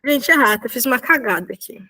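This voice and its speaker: Young woman, high bright voice, casual video-call teacher who corrects herself and keeps checking in. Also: lively intonation, fast talker. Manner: chatty, self-correcting, frequent checks with students. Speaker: volunteer Korean teacher. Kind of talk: casual online lesson.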